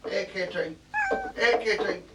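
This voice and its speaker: A man's voice: sits high, unhurried. A man playing a dutiful, doting suburban husband in a spoof advert, stilted and over-polite. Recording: noisy amateur camcorder film, loud audience.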